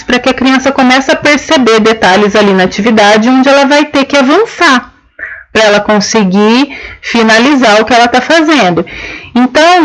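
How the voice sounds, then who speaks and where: A woman's voice: on the high side, poor audio. A woman teaching a lesson, explaining each step patiently and checking in with her listeners. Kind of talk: explanatory lesson on children's writing.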